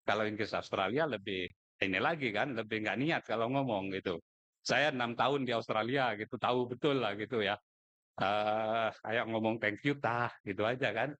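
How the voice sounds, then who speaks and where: Speaking briskly in a lowish, fairly bright voice, this middle-aged man from Madura, Indonesia jokes his way through an informal speech at a contest, chatty and full of colloquial asides.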